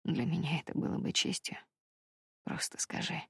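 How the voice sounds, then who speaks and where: A woman reading the part of a remorseful young fisherman in love, speaking low in a husky half-whisper. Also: moderate pace, no echo, studio quality, full character voice. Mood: devoted. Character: remorseful crab-fisherman lover, young man.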